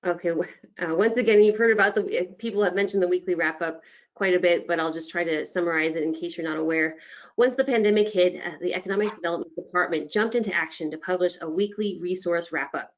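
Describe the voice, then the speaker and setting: A woman giving a brisk webinar presentation for a state agency, with frequent ums and restarts. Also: fairly low pitch. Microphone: video call. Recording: dull lo-fi online call audio.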